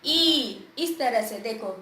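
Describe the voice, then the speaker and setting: A woman teaches children a grammar lesson, posing questions and answering them herself while stretching words out slowly to show their sounds. Her voice sits high with lively intonation, heard in an echoey room with slight background noise.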